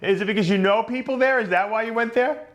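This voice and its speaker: A high-sitting voice moving at a quick pace belongs to a middle-aged man from New York. As interview host, he keeps the casual chat easygoing, talking a lot, laughing easily and frequently starting over.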